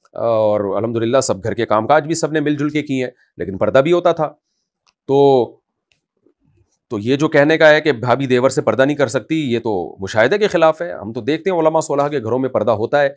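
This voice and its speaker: A man, an Islamic scholar, answering a question in an impassioned advice talk, emphatic and scolding at times. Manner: emphatic, rises loud to scold, then drops low and quiet.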